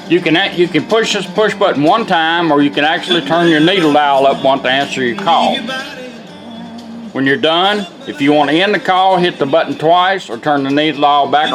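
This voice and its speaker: This poor-quality clip features a man with a fairly high voice demonstrating a product, car radio music running in the background. He's a car radio restorer, and his delivery is easygoing, practical and plainly folksy.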